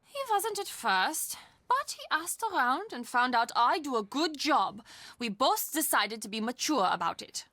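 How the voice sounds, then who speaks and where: An actress voicing a warm, chatty middle-aged castle employee and aunt in a video game, expressive and confiding. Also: female voice, sits high, unhurried, dry recording, full character voice. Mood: candid.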